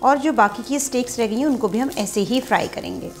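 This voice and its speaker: A woman's voice: on the high side, fairly quick. A woman walks viewers through a recipe step by step in her home kitchen while cooking. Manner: step-by-step explaining while cooking, frequent "dekhein" asides. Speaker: cooking channel host. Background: soft background music and frying sizzle.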